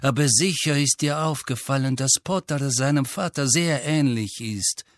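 A man voicing a cold, sneering male teacher in an audiobook, speaking softly and slowly with silky mockery. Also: mid-range voice, no echo, pitched above the performer's own voice, natural voice. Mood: mocking. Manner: soft, slow, silky and mocking. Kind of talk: audiobook character voice.

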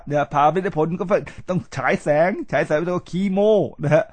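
An older man hosting a spoken commentary on a book, animated and exclaiming, often speaking straight to his listeners. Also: a little high, moderate pace, no room sound. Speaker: host.

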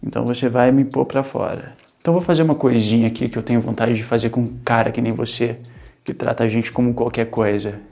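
Brief: man doing a swaggering rough bricklayer in a told story, gravelly and condescending. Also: mid-range voice, fairly even intonation, fast, darkish tone, close to an everyday voice. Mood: menacing. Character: cocky, rough adult male bricklayer.

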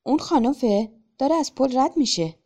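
A woman's voice: high-pitched, animated, dark tone, voice pushed up. A woman reading a story aloud, voicing a fretful village schoolteacher who scolds anxiously. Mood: worried.

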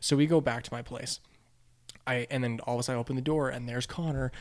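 A young man, a podcast guest, telling animated stories in casual chat, acting out quotes and laughing often. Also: medium pitch, fast talker.

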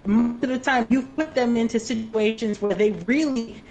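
A woman chatting casually on an online call, her voice turned glitchy and robotic with jumping pitch from a bad connection, rambling with many fillers and restarts. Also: normal speed, gravelly. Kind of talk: casual chat about games.

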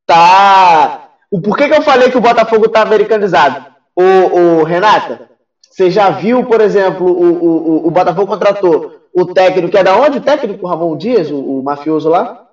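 A man hosts a casual sports talk show and teases his caller. His voice sits fairly high and he sounds set back from the mic. The audio is dull and echoey. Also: lively intonation, normal speed, far from the mic. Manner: teasing, joking. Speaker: host.

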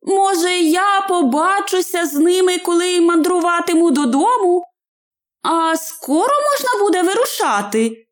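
A woman voicing a sleepy, eager little male hobbit in a high, drowsy voice. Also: lively intonation, measured pace.

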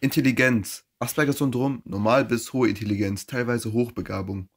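A young man in casual chat, reading out facts haltingly and laughing. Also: mid-range voice, fairly even intonation.

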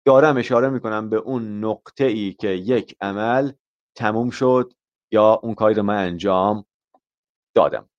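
A man's voice: lowish voice, a little mellow, muffled recording. A man teaching an IELTS lesson in a live stream, explaining patiently with examples and switching between two languages. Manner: explains patiently with examples, mixing Persian and English. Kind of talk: live online English lesson.

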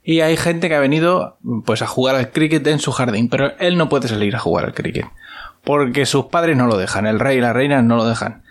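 A man's voice: mid-range voice, fairly quick. A man with a Spain Spanish accent, chattily recapping a series episode with crude slang and asides. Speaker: series reviewer.

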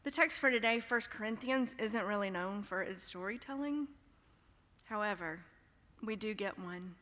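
A woman in her thirties preaching a sermon, expressive and shifting her tone for emphasis. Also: mid-range voice, moderate pace. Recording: long hall reverb.

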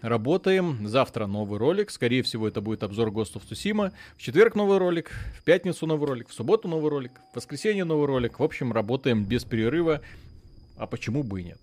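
A man co-hosting a live gaming stream, chatty and excitable, rambling with fillers as he talks. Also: medium pitch, quick pace. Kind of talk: casual live stream chat.

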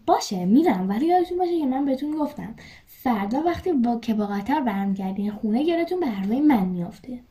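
A woman's voice: on the high side, expressive, dark tone, natural voice. A woman voicing a bossy know-it-all schoolgirl who scolds the boys in a read-aloud story. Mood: scolding. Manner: preachy, scolding.

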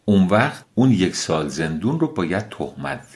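A man retelling a classic fable for children, pausing to explain hard words and correct his own slips. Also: low-pitched, sing-song, a little mellow. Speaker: storyteller.

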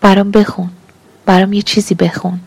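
A woman's voice: mid-range voice, little pitch movement, a little mellow, husky, no room sound. A woman reading as a hungry, demanding young lover. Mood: coaxing. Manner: pleading then accusing, emotional.

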